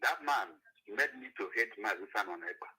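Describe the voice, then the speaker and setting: A man calling into a live show, heard over a phone on speaker, talking haltingly and repeating his words earnestly. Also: fairly low pitch, lively intonation, pushed and bright. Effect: phone call played over a speakerphone. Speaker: caller. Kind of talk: live call-in praise.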